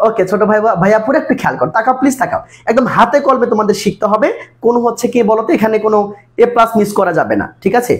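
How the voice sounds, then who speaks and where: A man runs a live online English exam-prep class. His voice sits fairly high and the words come out rapidly. He keeps coaxing students with the same questions over and over. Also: lively intonation. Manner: repetitive coaxing, constant quiz questions to students. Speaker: English tutor.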